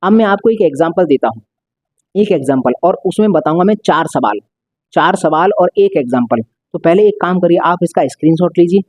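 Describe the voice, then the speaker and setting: A man's voice: on the high side, expressive, a little fast, a little mellow, no echo, clean studio sound. A male maths teacher explaining a lesson step by step, repeating and stretching out key words.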